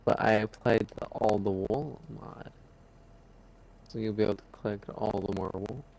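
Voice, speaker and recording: A man in casual chat on a live stream, making quiet, dry, matter-of-fact remarks while gaming. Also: lowish voice, steady tone, moderate pace, vocal fry, rough recording.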